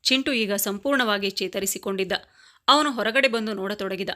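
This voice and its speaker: A woman reads a family story aloud as scripted narration, her voice steady and even. She has a medium pitch and speaks a little fast.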